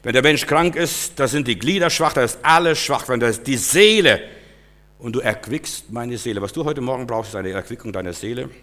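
Impassioned preacher with a bright voice. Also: male voice, mid-range voice, lively intonation, brisk. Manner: impassioned, swinging between loud exclamations and hushed lines. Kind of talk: sermon.

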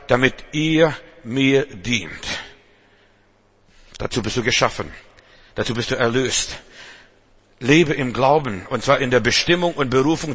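A man preaching an evening sermon to a congregation, emphatic and repeating key phrases, slowing down for refrains and dropping in humorous asides. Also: mid-range voice, bright, forceful tone, slightly rough.

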